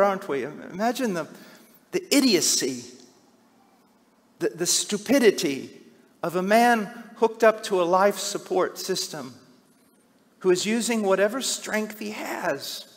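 A middle-aged man preaching a sermon, swinging from hushed, slow passages to loud, shouted cries. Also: sits high, expressive. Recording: long hall reverb.

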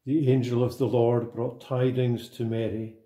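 A man leading a sequence of liturgical prayers in a slow, solemn, even recitation. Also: mid-range voice, reverberant. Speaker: prayer leader.

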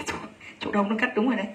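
A woman selling clothes on a livestream, talking rapidly and gushing over each piece while teasing her helpers. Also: mid-range voice, fairly even intonation, background noise. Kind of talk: live sales pitch.

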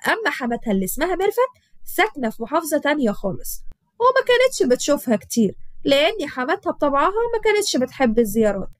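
A woman with an Egyptian accent narrating a family story in the first person, in a lively, effusive manner. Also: sits high, racing, no echo. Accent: Egyptian Arabic.

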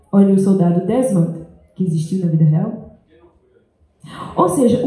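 A woman's voice: mid-range voice, dark tone. A young woman from Brazil and France reads a reflective personal talk to a school audience, holding a handheld mic. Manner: earnest, reflective, reads from paper. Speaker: speaker giving a school talk. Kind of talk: reading a personal talk aloud. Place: large school hall, indoors. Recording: very echoey hall.

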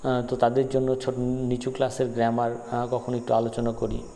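A man's voice: medium pitch, completely flat delivery, a little fast, dark tone. A man teaching an English poem in a Bengali lesson, explaining terms patiently and repeating key words, with frequent fillers. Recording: long reverb, faint noise.

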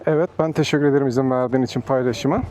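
A man's voice: medium pitch, steady tone, very fast. A man speaking from inside a helmet in a polite, chatty motovlog style as he works as a motorbike taxi rider. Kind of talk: casual motovlog chat. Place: outdoors on a motorbike in city traffic. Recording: loud engine, wind and street noise.

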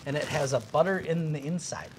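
A middle-aged man, the owner of a bakery, casually explaining his baked goods during a shop tour, with a relaxed manner and some fillers. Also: on the high side, brisk, a little hiss or hum.

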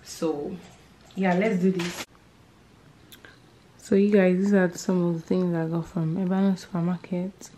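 A woman's voice: on the low side, flat delivery, a little slow, long pauses, dark tone. A young Nigerian woman in her twenties chatting casually to camera at home as a vlogger, rambling with lots of fillers. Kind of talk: casual vlog chat to camera. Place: bedroom and kitchen at home, indoors. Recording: echoey room with background noise.

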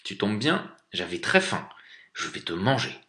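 A man's voice: medium pitch, very animated, unhurried, gravelly, bright, forceful tone, echoey room, voice pushed up, exaggerated voice. A man voicing a hungry, bold young prince who speaks up eagerly.

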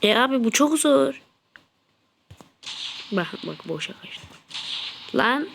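A woman with a flu-blocked, congested nose giving casual gameplay commentary, muttering to herself and then yelling excitedly at the game. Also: sits high, slow, gravelly, slight background noise. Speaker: gaming channel host.

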